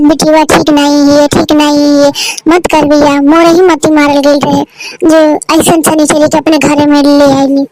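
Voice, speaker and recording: A woman's voice: high voice, darkish tone, voice pushed down. Woman putting on a grumbling henpecked village husband. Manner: grumbling, complaining to himself. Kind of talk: cartoon voice acting. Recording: noisy hiss behind voice.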